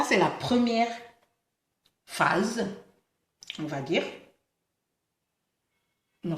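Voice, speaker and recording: Lisping vlogger, echoey room. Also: female voice, lowish voice. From Senegal. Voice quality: lisp, slushy sh-like s. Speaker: beauty vlogger. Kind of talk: casual chatty advice to camera, French with English interjections. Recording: roomy, echoing indoor sound.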